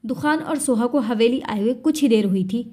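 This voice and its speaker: A woman narrating a romantic drama story in steady scripted storytelling. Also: a little high, normal speed.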